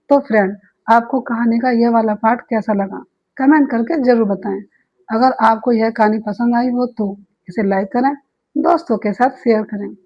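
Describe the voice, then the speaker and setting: A woman narrating a romantic story with an even, expressive reading. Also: on the high side, highs cut off.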